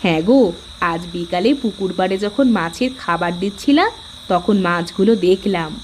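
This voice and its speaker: A woman voicing a sharp-tongued young village wife who scolds her lazy husband. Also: medium pitch, lively intonation, moderate pace, slight background noise, close to an everyday voice. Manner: nagging, scolding. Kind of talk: cartoon voice acting.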